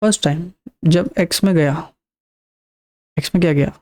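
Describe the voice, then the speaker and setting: Mellow-voiced man teaching code step by step. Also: on the high side, normal speed. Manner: explains step by step, repeats and counts aloud. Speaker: programming teacher. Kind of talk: screen-recorded coding lesson.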